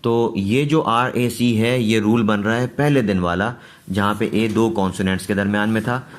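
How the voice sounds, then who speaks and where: A man teaching English pronunciation, explaining rules patiently and repeating each word slowly. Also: lowish voice, steady tone. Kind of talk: slow pronunciation lesson.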